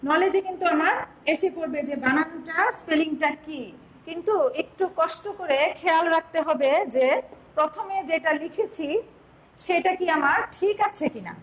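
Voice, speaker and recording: A Bangladeshi woman teaching an online class, explaining step by step and slowly spelling words out. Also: high-pitched, fairly bright tone, a little hiss or hum, rough recording.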